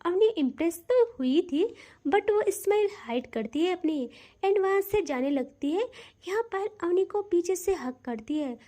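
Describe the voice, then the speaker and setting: A woman's voice: very high-pitched, warm tone. A woman narrating a romance audio story in a casual, conversational way.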